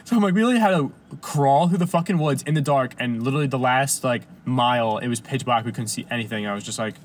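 Profane, animated man telling a story. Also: medium pitch, fast talker, a little hiss or hum. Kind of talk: casual storytelling chat.

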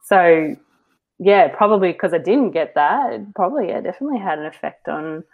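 The audio is narrow and tinny, carrying a New Zealand woman's fairly low, expressive voice at a slightly quick pace. As an interview guest in easygoing conversation, she rambles and reflects on herself openly, using many fillers and soft laughs.

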